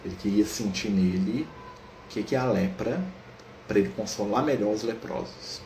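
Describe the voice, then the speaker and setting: A man's voice: fairly low pitch, normal speed, a little mellow. A man leading a spiritist study session, telling a saint's story in casual lecture style, tagging lines with "né?" and acting out the dialogue. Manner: storytelling, frequent "né?" tags, acts out dialogue. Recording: echoey room with faint background noise.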